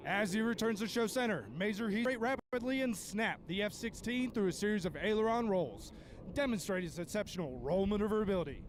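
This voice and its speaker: A man with a high-pitched voice commentates an airshow. His delivery is formal and scripted, with a showman's sense of drama. Clear aircraft noise runs behind him. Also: brisk, rough recording. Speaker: airshow announcer. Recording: loud aircraft and outdoor ambience noise.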